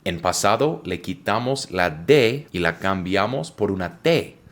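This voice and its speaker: Brief: young American man, very low voice, unhurried English lesson for learners, spells words out. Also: expressive. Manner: spells words letter by letter and repeats examples slowly. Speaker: English teacher. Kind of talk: slow, clear language lesson.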